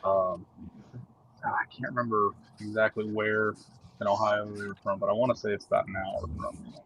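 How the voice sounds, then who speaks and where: A man as a guest on a casual live show, answering in a relaxed, agreeable way. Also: lowish voice, normal speed, slight background noise.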